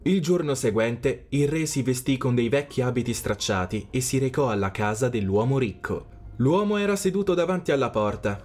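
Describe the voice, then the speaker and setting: A man narrating a storybook tale in a clear, measured way. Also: mid-range voice, lively intonation, darkish tone, soft background music.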